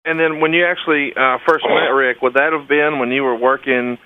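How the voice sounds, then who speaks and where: A man's voice: medium pitch, fairly even intonation, a little fast. Phone-line man asking interview questions. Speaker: podcast co-host and interviewer.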